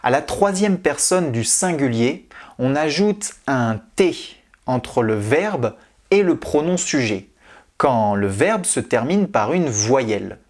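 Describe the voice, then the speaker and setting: Slow, lively French grammar teacher. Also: mid-range voice. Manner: deliberate, reads out example questions and answers. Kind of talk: scripted grammar lesson narration.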